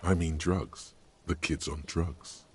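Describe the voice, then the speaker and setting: A man's voice: low voice, fairly even intonation, slow, a little hiss or hum. A man voicing a solemn game narrator with a grave, dryly mocking delivery. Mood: wry. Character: deep solemn male game narrator, wry.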